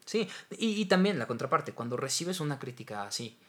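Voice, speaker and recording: A man speaks in an even, mid-pitched voice. He is a voice actor, reflective and measured, often pausing on fillers as he chats. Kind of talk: casual chat.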